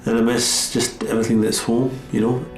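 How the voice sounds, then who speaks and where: A man's voice: medium pitch, little pitch movement, fairly quick, reverberant, faint music behind, rough recording. A middle-aged Scottish man talking plainly and earnestly about his time away from home. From Scotland. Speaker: undercover newcomer looking for work. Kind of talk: casual chat and reflective talk.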